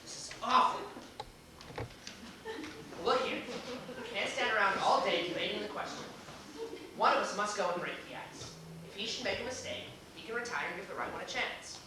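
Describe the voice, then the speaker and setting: In an amateur comic one-act play, a man with a high, natural voice plays a flustered, polite, anxious gentleman waiting for his masked date. He sounds anxious and exasperated, speaking haltingly in formal, old-fashioned phrases. The small theater stage was recorded from the audience on a distant camera mic, so the sound is echoey and hissy.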